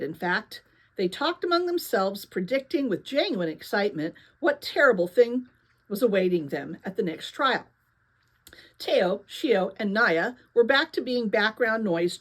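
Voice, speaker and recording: Woman reading a novel aloud to students. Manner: friendly, explains her highlighted notes. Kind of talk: read-aloud narration with commentary.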